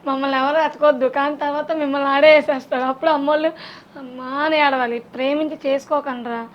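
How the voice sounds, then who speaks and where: A woman's voice: sits high, steady tone, fast talker. A woman being interviewed about her acting, talking candidly and bluntly. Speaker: interview guest, actress. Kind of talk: casual interview chat. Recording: dull audio with faint noise.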